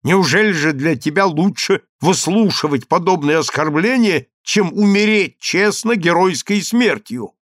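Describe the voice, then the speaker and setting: Stern, measured duel second, lifted pitch , read by a man. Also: expressive, no echo, studio quality. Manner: measured, commanding. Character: calm, firm male second at a duel.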